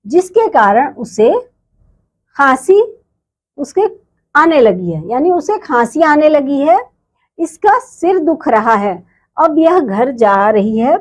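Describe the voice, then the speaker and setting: A woman teacher reading a storybook lesson to young children, explaining and repeating words for them. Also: high voice.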